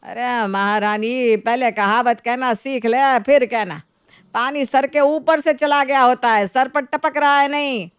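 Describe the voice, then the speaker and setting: A woman voicing a sharp-tongued, scolding middle-aged mother-in-law in a voiced story drama. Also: sits high, measured pace, clear, resonant tone, dry recording, studio quality. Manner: sarcastic, nagging.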